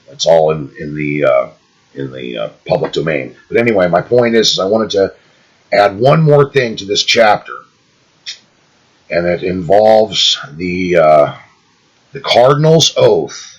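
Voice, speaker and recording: A man reading an old book aloud in a measured, deliberate way, stopping now and then for loose, chatty asides to his listeners. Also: low voice, fairly bright tone, breathy edge, muffled recording. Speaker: audiobook reader.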